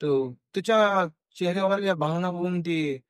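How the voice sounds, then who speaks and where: A young Marathi-accented man telling a true ghost story on a podcast, halting with fillers and restarts and acting out what people said. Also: high-pitched, smooth, dry recording, studio quality. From India. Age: young adult. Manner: halting, many fillers and restarts, acts out quoted dialogue. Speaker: guest storyteller.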